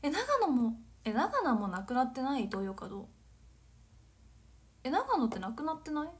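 A woman in her twenties from Nagano, chatting casually on a livestream, giggling and drifting into soft whispered asides. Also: sits high, sing-song, moderate pace. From Nagano, Japan. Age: 20s. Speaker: livestream host. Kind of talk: casual chat reading viewer comments.

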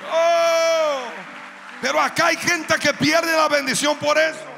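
A high-pitched man with a gravelly, fry-laden voice preaches. His impassioned sermon runs in repeated rhythmic phrases and swells into shouts. The sound carries a long hall reverb, with music playing clearly underneath. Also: little pitch movement, normal speed, crowd noise. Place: church hall.

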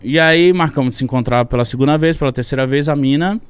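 A young man telling a story as a podcast guest, animated and slangy, with a lot of swearing. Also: a little high, fast, clear, resonant tone, no room sound. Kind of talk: casual storytelling. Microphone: studio podcast mic.

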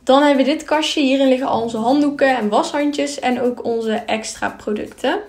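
A woman's voice: high voice, normal speed, darkish tone, faint music behind. A young woman narrating a clean-with-me vlog in a chatty, upbeat voice-over with casual filler words. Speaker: vlogger.

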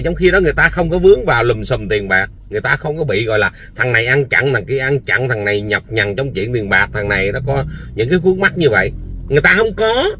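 Scolding man in a heated rant. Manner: scolding, repetitive, rhetorical questions; soft low-key product pitch. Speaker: online commentator. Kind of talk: heated personal rant to camera.

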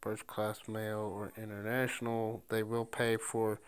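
A man's voice: fairly low pitch, completely flat delivery, measured pace, clean tone. A man reselling storage-unit finds, talking through an online listing step by step and thinking aloud as he types. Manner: talks to himself while typing, thinking aloud. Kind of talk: screen-recorded listing walkthrough.

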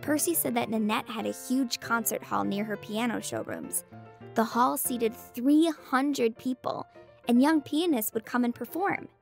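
A woman voicing a bright young girl explorer in a children's audio drama, explaining history facts in a clear storytelling way. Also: on the high side, measured pace, faint music behind. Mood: excited.

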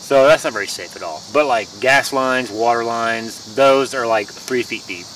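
A man's voice: medium pitch, moderate pace, a bit bright. A young man in his twenties giving a rambling, folksy how-to talk about lawn care while crouching in his backyard, restarting his sentences often. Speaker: home lawn care vlogger. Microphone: camera mic on a tripod some distance away. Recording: distant camera mic outdoors with faint insect noise.

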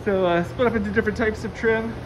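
A woman casually leads a walking tour of a big warehouse, chatty and enthusiastic, with lots of fillers. Her mid-range voice is steady and fast, recorded on a handheld phone camera while walking amid noisy warehouse ambience.

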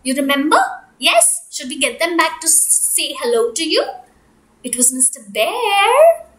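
High-pitched woman as kids show host. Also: a little slow, a little hiss or hum. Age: young adult. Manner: animated, coaxing, repetitive, addressing children directly. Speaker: preschool storytelling teacher, kids show host. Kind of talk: kids show host, sing-song presenting to small children. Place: small room indoors. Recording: echoey room.

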